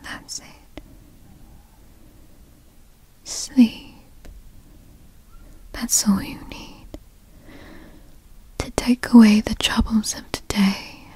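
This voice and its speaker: A woman's voice: fairly high pitch, warm tone, husky, exaggerated voice. A woman playing a tender, motherly girlfriend in a whispered role-play, speaking in an intimate, soothing whisper for sleep ASMR.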